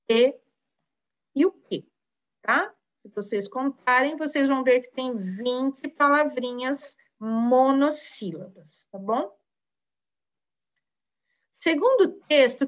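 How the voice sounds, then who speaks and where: A woman with a Brazilian Portuguese accent teaching a recorded lesson to children, slow and patient, encouraging, full of diminutives. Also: high voice, a bit bright, muffled recording. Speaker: primary school teacher.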